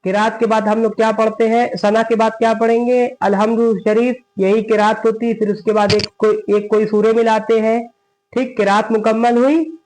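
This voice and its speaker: A man teaching a step-by-step prayer lesson, asking and answering his own questions and reciting prayer phrases slowly. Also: high voice, flat delivery, darkish tone, a little hiss or hum, rough recording. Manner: asks and answers his own questions, frequent "theek hai" checks. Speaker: religious teacher.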